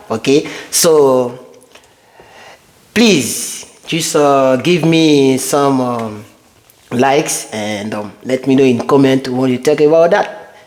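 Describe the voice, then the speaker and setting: A man's voice: medium pitch, a little mellow. A man vlogging immigration news from his home computer, talking straight to his viewers in a loose, rambling way and sliding from English into French. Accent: non-native English, French-speaking. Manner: switches between English and French, addresses viewers directly, rambling. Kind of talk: casual informal vlog. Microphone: computer microphone.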